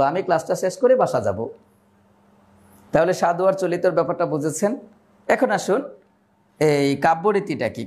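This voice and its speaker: A young man with a notably high voice leads an online grammar class for exam takers. He talks in a chatty, joking way and slows down when he recites old verses. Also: darkish tone. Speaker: teacher.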